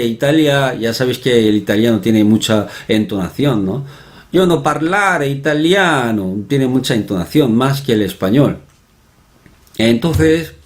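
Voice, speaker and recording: Patient and chatty, this online language teacher repeats example words several times and keeps tossing in "¿no?" between his asides. His voice is mid-range with a darkish tone.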